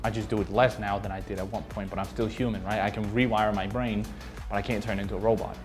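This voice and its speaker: Reflective man, flat intonation, lower voice, for a casual interview answer. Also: fast talker, over music. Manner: reflective, conversational, tag questions like "right?". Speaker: experienced trader.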